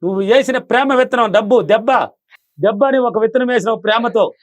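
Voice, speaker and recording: Fast, high-voiced man giving emphatic advice. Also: no echo. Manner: emphatic and repetitive, acting out little household scenes. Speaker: motivational money coach. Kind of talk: animated advice talk.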